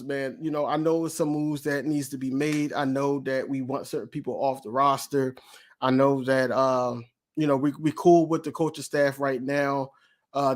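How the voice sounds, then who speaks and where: Man, casual sports podcast chat, loose delivery, many fillers, medium pitch. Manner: loose, repetitive, frequent fillers and restarts. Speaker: podcast panelist.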